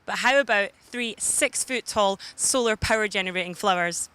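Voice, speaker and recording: A woman's voice: medium pitch, normal speed, sharp tone, smooth. A woman reporter opening a story with upbeat rhetorical questions and then interviewing.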